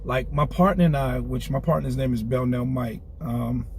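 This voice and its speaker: In a car, a clothing brand founder in his forties speaks as a guest in a candid interview, earnest and streetwise, often repeating himself. His mid-range voice moves at normal speed with a slightly mellow quality, over slight background noise.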